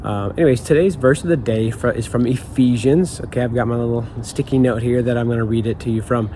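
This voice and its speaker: A man's voice: medium pitch, fast talker, dark tone, a little hiss or hum. A man speaking as an upbeat, informal youth pastor, giving a casual devotional talk.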